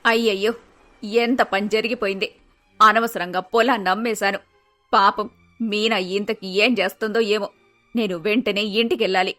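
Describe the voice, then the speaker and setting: A woman voicing an aging, widowed mother in an animated storybook, lamenting her troubles in a sorrowful, resigned way. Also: medium pitch, moderate pace, soft background music, natural voice. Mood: alarmed. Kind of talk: storybook voice acting.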